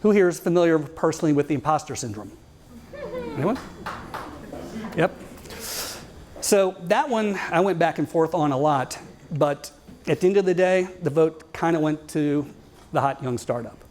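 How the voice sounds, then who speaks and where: A man in his fifties tells a story on stage to a live audience in a wry, conversational way. His voice sits a little high for a man. He keeps turning to the crowd with questions. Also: animated, normal speed, long pauses, a little mellow, a little hiss or hum. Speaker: guest speaker.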